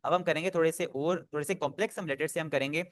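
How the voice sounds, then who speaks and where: A man teaching Japanese online over a video call patiently drills pronunciation, repeating "ठीक है" often. His voice is fairly high and steady, and he talks fast. The sound is dry and close, with no room sound.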